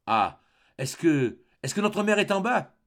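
A man doing a halting, nervous elder brother. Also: medium pitch, gravelly, pushed and bright, full character voice. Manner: halting, slow, stammering.

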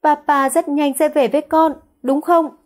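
A woman's voice: high-pitched, steady tone, unhurried, pitched above the performer's own voice. A woman voicing a frightened little girl who pleads tearfully with her father in an audiobook. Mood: tearful pleading.

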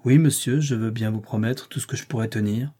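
Male reader as reserved young governess, audiobook, mellow breathy voice. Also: medium pitch, a little fast, natural voice. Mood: firm. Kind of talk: audiobook reading.

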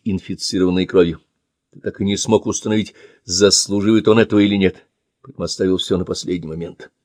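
A man reading an audiobook in measured, quiet second-person narration. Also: deep voice, dry recording.

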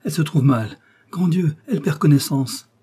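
Guy doing a frantic young swordsman yelling for help, high loud and urgent. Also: animated, a little slow, slightly rough, full character voice. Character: young ardent swordsman, impulsive and passionate.

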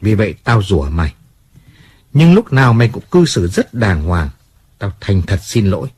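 Man reading a hot-headed drinking singer, emotional, husky voice, lively pitch, audiobook. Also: normal speed. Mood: pleading. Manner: emotional, swearing, apologetic. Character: hot-tempered male singer, drinking, self-pitying.

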